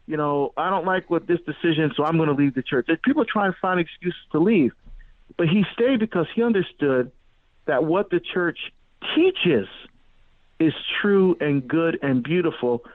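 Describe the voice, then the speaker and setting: A middle-aged man born in Barbados and raised in New Jersey, a guest on a radio interview, telling his story with animated restarts and many fillers. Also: a little high, no room sound. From born in Barbados, grew up in New Jersey. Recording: tinny phone-line sound, dry.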